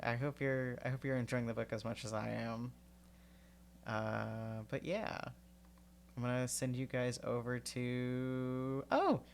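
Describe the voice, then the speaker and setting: A man's voice: medium pitch, creaky, slight background noise. A man with a stuffy, sniffly nose reading a novel aloud on a live stream, then chatting in a rambling way with lots of fillers. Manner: rambling, filler-heavy chat. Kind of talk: casual read-aloud stream.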